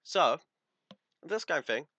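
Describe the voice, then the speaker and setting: A man's voice: fairly high pitch, very animated, unhurried, pushed and bright, dry recording, muffled recording. A young man co-hosting a casual chat show, brash and crude, laughing often as he tells stories. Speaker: podcast co-host.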